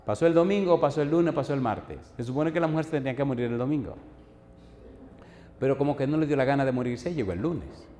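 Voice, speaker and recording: A man's voice: medium pitch, animated, fast, a little hiss or hum. Echoey man preaching with dramatic swings. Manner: emphatic preaching with repetition, swinging between loud and soft; storytelling asides in a conversational tone. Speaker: pastor. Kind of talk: sermon. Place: church hall. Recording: echoey hall, faint room ambience.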